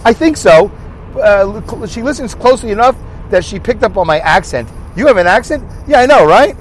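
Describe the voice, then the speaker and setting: He talks fairly fast in a high voice with lively intonation, a Brooklyn-accented podcast host going it alone as he drives on the highway. The talk wanders, chatty and self-deprecating, full of questions he asks himself. Car and road sounds linger faintly.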